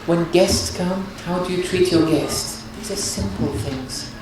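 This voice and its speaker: A woman's voice: lowish voice, unhurried, a crowd in the background. A woman giving an earnest religious lecture on marriage, counselling her listeners and often restarting her phrases. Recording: very echoey hall with noise.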